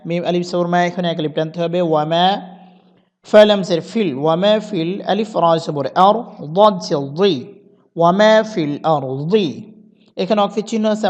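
A man with a Bangladeshi Bengali accent gives a Quran reading lesson, spelling out each word letter by letter before slowly chanting the verses. His voice sits high and is a little mellow.

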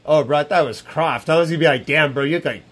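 A man in his thirties fires off rapid speech in a fairly bright, slightly high voice while rambling on a live stream from a small room. Brash and profane, he repeats himself often into a wired earbud headset mic.

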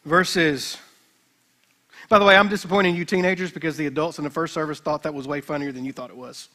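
A man with a high, ringing voice preaches at a church service. He retells the scripture story as an animated, joking storyteller and throws in playful asides to the congregation. His tone stays bright and forward throughout. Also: fast talker. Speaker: pastor. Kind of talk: sermon.

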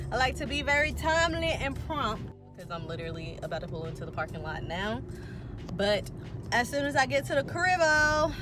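A young woman, chatting casually and rambling in a self-deprecating, slangy way while driving, a little out of breath. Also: medium pitch. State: slightly out of breath. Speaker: vlogger. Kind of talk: casual driving vlog chat. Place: in a car. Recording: clear background music.

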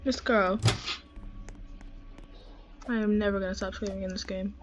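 A young woman giving casual game commentary with a friend, excitable, with sudden tense whispers. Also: mid-range voice, moderate pace, dull audio, faint music behind. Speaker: gaming channel host.

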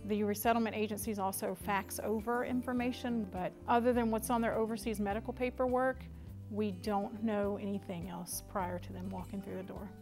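Woman, health staff, matter-of-fact, gravelly fry, music clearly under her. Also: medium pitch, steady tone, normal speed. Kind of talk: interview.

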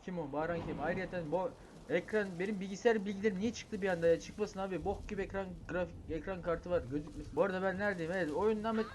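A man giving crude, rambling gameplay commentary, mocking the game and bursting into yelled curses. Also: sits high, fast, background noise. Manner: crude, swears constantly, bursts into yelling; rambling, mocks the game aloud. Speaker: gaming YouTuber.

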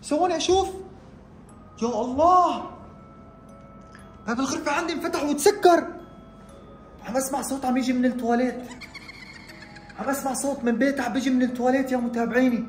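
A man narrating a horror prank vlog at home, excitable and acting scared as he talks to his viewers. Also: extremely high pitch, quick pace, pauses often, echoey room, a little hiss or hum. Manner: excitable, feigning fear, addresses viewers. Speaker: vlogger. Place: room at home.

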